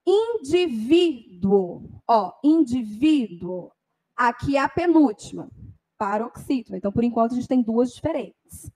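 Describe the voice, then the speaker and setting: A woman teaching a grammar lesson for exam preparation, explaining step by step and often checking in with a quick "tá?". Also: on the high side, expressive, a little mellow, husky, poor audio. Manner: explanatory, frequent "tá?" tag questions.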